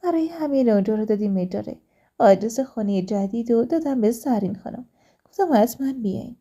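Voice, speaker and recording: A woman narrating a first-person life story in a calm, steady reading voice. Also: fairly high pitch.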